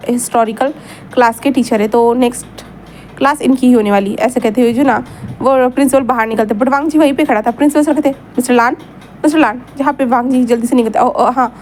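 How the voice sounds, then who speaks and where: A woman's voice: high-pitched, a little mellow, a little hiss or hum. A woman narrating a fan story aloud in a chatty way, with repeats and asides to her listeners.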